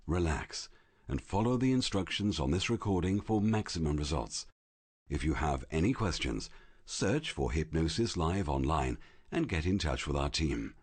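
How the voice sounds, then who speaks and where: A man reading a slow, measured scripted introduction as a program announcer. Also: deep voice, slightly rough, no echo.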